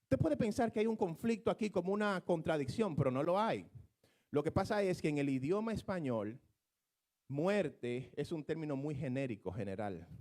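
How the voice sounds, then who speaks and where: A man's voice: fairly high pitch, darkish tone. A man preaching a sermon, explaining scripture in a teaching manner that rises into fervent, emphatic exclamations.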